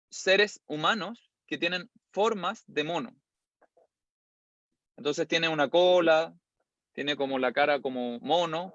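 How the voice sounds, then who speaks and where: A man leads a class and tells its stories with animated, playful energy. His voice sits a little high for a man. The recording is dry and slightly dull, lo-fi. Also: no echo. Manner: animated, playful storyteller who acts out scenes. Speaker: teacher. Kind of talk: lively storytelling lesson.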